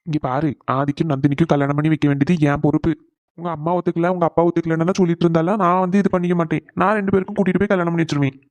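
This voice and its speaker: A woman's voice: on the low side, fairly even intonation, rapid-fire, darkish tone, dry recording, close to an everyday voice. A woman voicing a firm, reassuring young husband in a cartoon. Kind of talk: cartoon voice acting.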